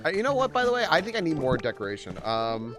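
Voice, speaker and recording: Lively excitable male game streamer. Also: a little high, quick pace, over music. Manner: excitable, chats with viewers, talks to characters. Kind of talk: casual live game commentary.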